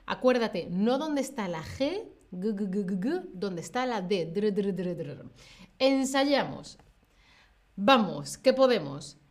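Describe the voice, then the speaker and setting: Slow, patient teacher from Spain, female. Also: medium pitch, animated. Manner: patient and encouraging, drawing out sounds for demonstration. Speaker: Spanish pronunciation teacher. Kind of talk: live online language lesson.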